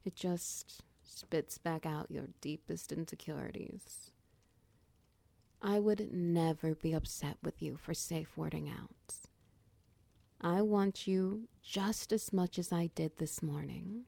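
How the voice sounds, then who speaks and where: A woman playing a gravelly-voiced doting girlfriend. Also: low voice, no echo, exaggerated voice. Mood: soothing. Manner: soft, slow, reassuring, half-whispered. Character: tender protective dominant girlfriend, doting and patient. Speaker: audio roleplay performer. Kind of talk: whispered ASMR comfort roleplay.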